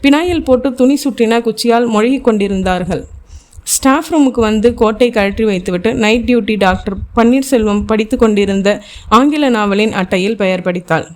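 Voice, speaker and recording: A woman's voice: fairly high pitch, moderate pace, a little mellow. A woman reading a thriller novel aloud as an audiobook, speaking every character's dialogue in her own voice. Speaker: audiobook narrator.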